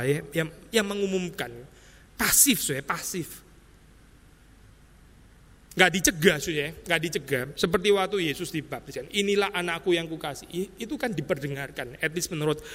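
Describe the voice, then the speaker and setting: A man's voice: on the high side, fairly bright tone, big-room sound. A male pastor giving an expository sermon in a loose, conversational way. He keeps tagging his sentences with little words and slips English terms in among the rest. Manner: conversational preaching, tag words like "ya" and "saya".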